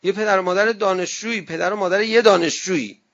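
High gravelly-voiced male preacher. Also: muffled recording. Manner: lively storyteller who acts out quoted voices. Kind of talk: conversational sermon with anecdotes.

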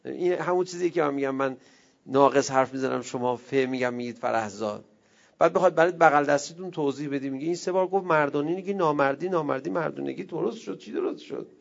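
A man giving a religious talk, telling a story with animated, emphatic delivery that swells to forceful peaks. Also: fairly high pitch, vocal fry. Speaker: preacher. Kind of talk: religious lecture. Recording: dull lo-fi sound.

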